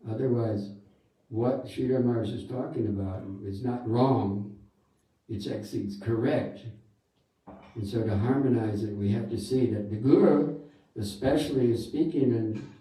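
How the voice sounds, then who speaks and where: A man's voice: medium pitch, warm tone, far from the mic. A man giving a sermon in a temple hall. He talks in a conversational way and keeps adding asides. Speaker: guru giving a talk. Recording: echoey hall, speaker off-mic.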